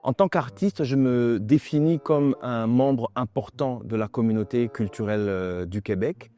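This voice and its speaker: A man from the Democratic Republic of the Congo, a visual artist, speaking in an interview in a measured, reflective and formal way. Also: medium pitch, mellow. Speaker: visual artist and cultural board president. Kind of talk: interview testimony. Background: faint music.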